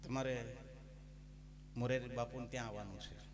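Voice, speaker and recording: A Gujarati-accented bhajan singer and spiritual storyteller gives a folksy, humorous devotional talk at a gathering with live music, now and then breaking into sung verses as instrumental music plays behind him. His voice is mid-range with fairly even intonation and a moderate pace, over a noisy background.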